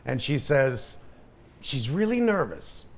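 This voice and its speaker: A middle-aged man hosting a podcast, telling a story in casual chat with animated, emphatic delivery and lots of repetition. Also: mid-range voice, slow. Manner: animated, emphatic, repeats himself. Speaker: podcast host.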